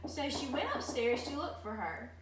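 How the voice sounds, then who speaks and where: A woman gives a dramatic story reading in a fairly high voice. She sounds a little distant in an echoey room, with faint noise. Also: animated, normal speed.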